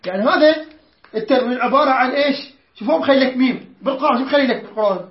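A man teaching Quran recitation rules to students, quizzing them, correcting their pronunciation and reciting verses in a slow, drawn-out way. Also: very high-pitched, roomy sound, lo-fi sound. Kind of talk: tajweed lesson to students.

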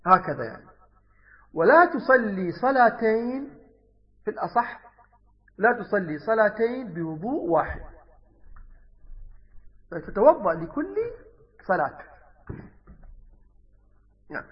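Male religious teacher, high-pitched voice, patient and explanatory, dull lo-fi recording. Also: big pitch swings, a little slow, pauses often, big-room sound. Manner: explanatory, repeats key words, mixes dialect with formal Arabic. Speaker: Islamic teacher. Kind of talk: religious lesson explaining hadith.

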